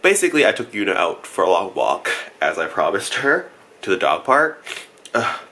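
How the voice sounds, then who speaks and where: A man's voice: sits low, big pitch swings, normal speed, sharp tone, slight background noise. A young man chatting casually in a rambling vlog, laughing often and correcting himself, sounding congested from allergies. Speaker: vlogger.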